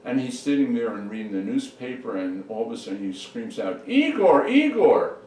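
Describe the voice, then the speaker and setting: A man telling a long joke in a brisk, matter-of-fact way, recorded from far off in an echoey room with faint noise behind. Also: lowish voice, mellow. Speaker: joke teller. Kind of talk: storytelling a joke.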